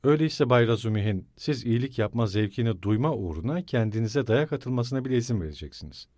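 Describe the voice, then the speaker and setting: A man voicing a feverish, bitter young male student who speaks low, tight and measured, in a dry audiobook recording. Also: lively intonation, a little mellow, no room sound, close to an everyday voice. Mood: curt.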